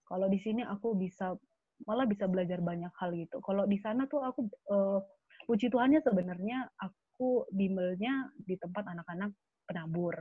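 A young adult woman speaking as a guest in an earnest, animated casual chat with many fillers. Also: medium pitch, brisk, breathy edge, no echo. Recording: tinny phone-like line.

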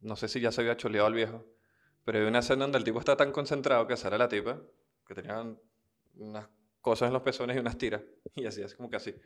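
Venezuelan guy cracking jokes on a chill podcast, teasing his buddy, mid-pitch voice. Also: fairly even intonation. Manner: joking, teasing, quick asides. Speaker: podcast co-host, comedian. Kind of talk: casual podcast banter.

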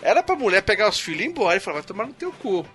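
Bright, animated Brazilian man, slangy. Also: high voice, faint music behind. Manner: quick slangy interjections, crude humor. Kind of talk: casual film recap chat.

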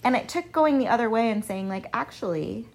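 A fairly high-pitched, creaky woman's voice at a fairly quick pace. She is a math professor on a radio interview, sitting in a radio studio and chatting casually, an animated storyteller who plays out each quoted exchange.

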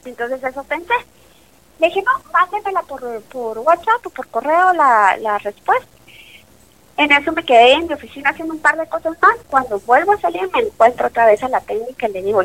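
A doctor in her late thirties gives an emotional faith testimony in an interview, an animated storyteller who acts out the dialogue as she goes. Her voice is high and the recording rough.

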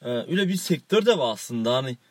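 A man's voice: mid-range voice, lively intonation, quick pace, no room sound. Joking man in casual chat. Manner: joking, rambling, laughs often. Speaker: co-host.

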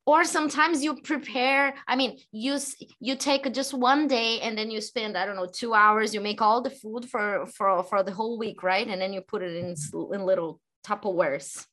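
Bright-voiced woman asking curious questions. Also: medium pitch, steady tone, moderate pace, few pauses. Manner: curious, asks many follow-up questions. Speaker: English teacher. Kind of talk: casual conversation lesson.

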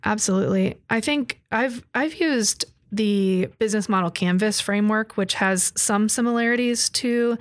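Brief: woman in her 30s, podcast co-host, mid-pitched voice, explains things steadily in casual chat, dry close recording. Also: moderate pace, hardly any pauses, dry recording. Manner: explains ideas in a steady, conversational way.

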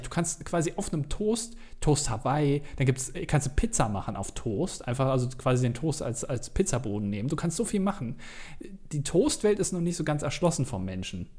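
Mellow-voiced man, rambling podcast host. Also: fairly high pitch, sing-song, normal speed. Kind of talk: casual chat, joking.

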